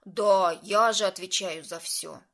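A woman's voice: mid-range voice, steady tone, slow pace, creaky, a bit bright, full character voice. A woman voicing a flustered young man who speaks in a grumbling, defensive way in a storybook reading.

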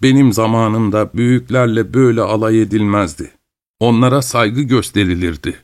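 A man voicing a talkative, grumbling old grandfather with a trembling voice, speaking slowly and plaintively in an audiobook. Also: medium pitch, lively intonation, dry recording, clean studio sound, natural voice. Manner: slow, rambling and plaintive.

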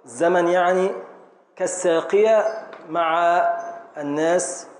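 A man with an Egyptian accent teaching a classroom lesson on Arabic poetic meter, explaining slowly and repeating syllables as he calls on students. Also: high voice. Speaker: teacher of Arabic grammar and prosody. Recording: echoey classroom with faint noise.

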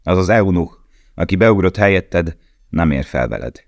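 Guy doing a gruff sardonic camp guard, super deep voice, dry sound. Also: animated, dry recording. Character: gruff male camp guard, mocking and blunt.

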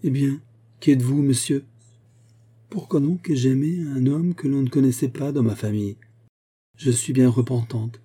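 A man's voice: medium pitch, normal speed, pauses often, warm tone, breathy edge, pitched above the performer's own voice, natural voice. A man voicing a timid young noblewoman. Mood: anxious. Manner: anxious, pleading.

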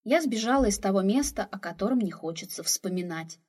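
A woman's voice: medium pitch, animated, a little fast, a little mellow, husky. A woman reading the part of a young runaway cat-girl who answers briefly and plainly. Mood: guarded. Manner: short, plain replies.

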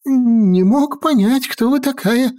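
A woman voicing a jittery, cowardly male sorcerer who pleads and frets in a high, whining patter. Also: slow, dark tone. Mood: fearful pleading.

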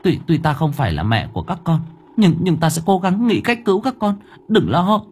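A frightened young woman, as a male narrator puts her on stammers and repeats herself while she tries to calm the crying ghosts. Her voice is gentle and anxious, and it is raised a little above the narrator's husky tone. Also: sits high, a little fast, pitched above the performer's own voice, exaggerated voice. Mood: soothing.

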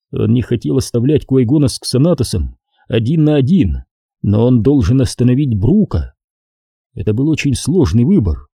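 A male narrator reads an adventure novel aloud with steady, expressive storytelling. His voice is deep-toned and very mellow, with a husky edge. The sound is close and dry, with no room around it. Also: no room sound. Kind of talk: audiobook narration.

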